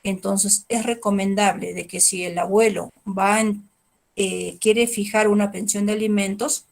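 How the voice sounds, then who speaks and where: A middle-aged woman with a Peruvian Spanish accent teaches a training session on family law. Her mid-range voice carries a gravelly edge, and she explains step by step, asking rhetorical questions and pausing on fillers. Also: mid-range voice, fairly even intonation, a little mellow. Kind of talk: training lecture.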